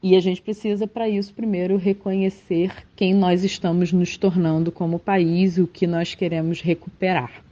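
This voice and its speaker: A Brazilian woman speaks in a warm, mellow voice, reflecting slowly and restarting her sentences as she searches for words. It is a podcast commentary with a slightly muffled, lo-fi sound. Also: on the low side, level tone. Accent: Brazilian Portuguese. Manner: thoughtful, halting, many restarts and fillers. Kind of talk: reflective monologue.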